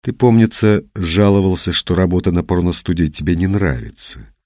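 A man reading an audiobook voices a sharp-tongued young woman, cool and mocking. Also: low-pitched, expressive, normal speed, no room sound, clean studio sound.

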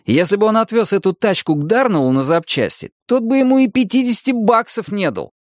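A man voicing a blunt teenage guy, pitched higher and louder than the narration, arguing in exasperation. The audiobook recording is dry and close. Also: big pitch swings, a little fast, dry recording. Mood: exasperated.

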